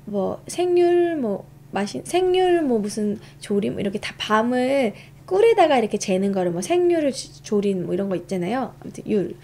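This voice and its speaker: A woman's voice: mid-range voice, big pitch swings, brisk, few pauses, mellow, a little hiss or hum. A young woman streaming a casual history lesson, chatty, reading notes aloud and reacting to her chat.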